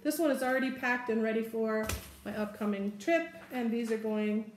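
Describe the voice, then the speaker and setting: A woman's voice: a little high, moderate pace, a little hiss or hum. A woman in her forties chatting casually and a bit rambling as she shows off her shopping haul to a camera at a table. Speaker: haul vlogger. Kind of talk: casual product haul chat. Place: room indoors, seated at a table. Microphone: camera in front at table distance. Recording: echoey room.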